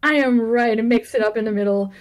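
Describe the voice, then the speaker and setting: A woman's voice: a little high, quick pace. A woman in her thirties from Venezuela, a game developer chatting casually on a livestream, laughing often and joking about herself.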